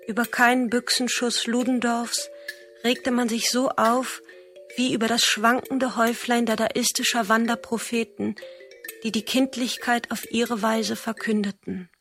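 Female narrator, slow even recitation, monotone, faint background music. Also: on the high side. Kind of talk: scripted literary reading.

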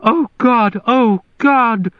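A man's voice: very high-pitched, extremely slow, no echo, highs cut off, pitched above the performer's own voice, heavily acted. A man voicing a panicked mother who cries out in a harsh, shrieking voice.

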